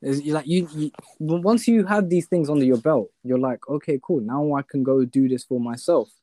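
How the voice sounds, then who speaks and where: A man's voice: a little high, moderate pace, mellow, dry recording. A young man with a London roadman accent chatting casually and telling personal stories in slangy street talk full of tag questions. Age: young adult. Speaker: podcast guest.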